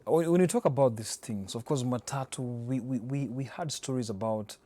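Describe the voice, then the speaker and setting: A man's voice: mid-range voice, normal speed, dark tone. A Kenyan man speaks as an interviewer in an ordinary middle register. He is chatty and conversational, and he readily drops in short affirmations as he listens.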